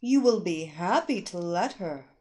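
A woman voicing a dominant woman hypnotist who gives slow, firm commands. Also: fairly low pitch, expressive, mellow. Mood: commanding.

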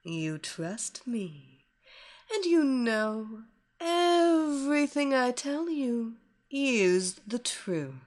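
A seductive female hypnotist, as a woman reads her, unhurried to the extreme, stretching each word into a soothing command. Her fairly high voice rises and falls in lilting swells as she repeats herself, patient and domineering. She sounds like a storybook villainess in full control. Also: sing-song, darkish tone, exaggerated voice. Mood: hypnotic, commanding. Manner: slow, soothing, repetitive hypnotic cadence.

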